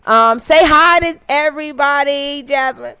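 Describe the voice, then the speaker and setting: On an inspirational talk radio show, a woman hosts in a high, sharp voice at a measured pace, with no echo. She is upbeat and teasing, laughs at her own jokes, and sometimes stumbles over words before correcting herself.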